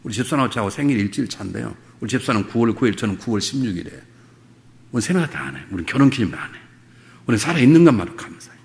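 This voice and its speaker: Lively, gravelly Korean pastor preaching. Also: male voice, medium pitch, rapid-fire. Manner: humorous storytelling, rising to fervent exhortation. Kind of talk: revival sermon.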